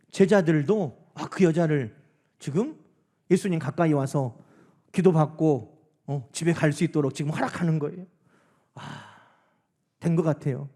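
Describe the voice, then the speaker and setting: A man preaching a sermon in church as pastor, animated and acting out the quoted speech. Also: a little high.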